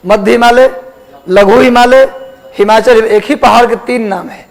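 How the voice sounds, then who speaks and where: High-voiced male geography teacher. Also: vocal fry, rough recording. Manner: repetitive, asks students questions. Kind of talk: classroom lecture.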